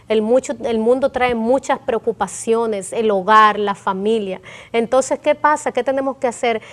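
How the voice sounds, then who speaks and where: Earnest woman sharing a prayer testimony. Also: fairly high pitch. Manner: earnest, emotional storytelling with quoted prayers. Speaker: guest.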